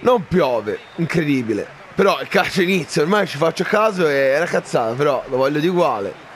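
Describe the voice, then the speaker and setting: A man commentating his own football game, excitable, shouting at chances and swearing at misses. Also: on the high side, brisk, slight background noise. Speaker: gaming YouTuber.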